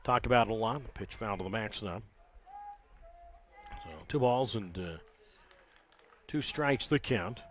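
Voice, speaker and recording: A man calling live baseball play-by-play from the ballpark, relaxed and conversational, with dry sarcastic asides. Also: lowish voice, unhurried, pauses often, a little hiss or hum. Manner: conversational, wry asides, filler "uh" between counts. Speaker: play-by-play announcer.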